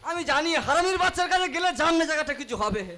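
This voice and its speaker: A man playing a crude, cocky young son-in-law in a folk stage comedy, bantering fast and cursing. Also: extremely high pitch, expressive. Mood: mocking. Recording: live stage mic with clear noise.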